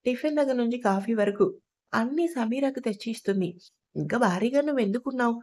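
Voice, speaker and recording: A woman's voice: on the high side, fairly quick, dark tone, close to an everyday voice. A woman doing a stern scolding old husband. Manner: scolding, lecturing. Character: stern older man, irritable husband and father-in-law. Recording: dull lo-fi recording.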